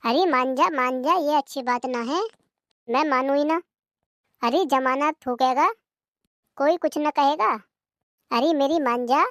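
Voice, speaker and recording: A woman's voice: sits high, measured pace, pauses often, a bit bright, no echo, studio quality. A woman voicing a young husband in a cartoon comedy, pleading with his wife to stay. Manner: pleading, placating. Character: young husband caught between wife and mother.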